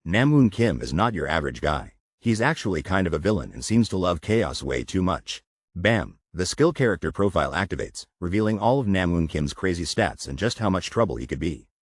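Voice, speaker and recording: Low-voiced guy narrating a comic recap, cracking jokes, super animated delivery. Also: brisk, no room sound, clean studio sound. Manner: wisecracking, playful asides. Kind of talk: joking scripted recap narration.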